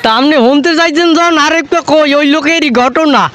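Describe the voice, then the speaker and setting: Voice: high voice, moderate pace, a bit bright. A performer playing a villager who tells a neighbor's story in rustic dialect chatter. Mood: chatty.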